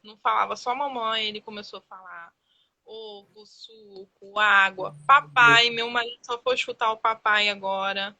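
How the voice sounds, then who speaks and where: Bright, animated Brazilian woman. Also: fairly high pitch, moderate pace, muffled recording. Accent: Brazilian Portuguese. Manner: animated storytelling, acting out her child's words. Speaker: guest mother. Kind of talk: live-stream conversation.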